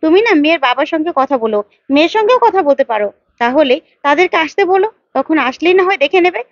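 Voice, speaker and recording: A woman voicing a clever, determined young woman who lays a trap, talking briskly and persuasively. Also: high voice, animated, no echo, highs cut off, pitched above the performer's own voice. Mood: scheming. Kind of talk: storytelling with voiced parts.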